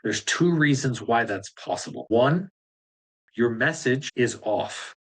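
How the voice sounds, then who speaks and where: A business coach leads a live group coaching session, blunt and fired up, addressing listeners directly and swearing casually. His middling-pitched voice is slightly rough and his pace slow.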